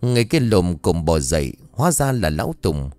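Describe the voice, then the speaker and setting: A man narrates an audio story in a low voice full of lively pitch movement. The sound is dry and close, with faint music behind him. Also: a little fast, no room sound.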